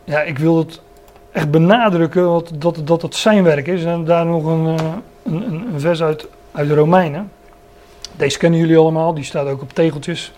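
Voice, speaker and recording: Man, sermon, earnest Bible teaching, slightly high voice, stresses key phrases. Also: fairly even intonation, normal speed, darkish tone. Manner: earnest, stresses key words, many restarts. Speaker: preacher.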